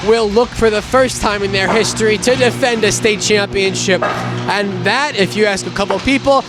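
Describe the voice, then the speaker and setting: A man giving hockey play-by-play and game previews as a sports commentator. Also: very high voice. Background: music.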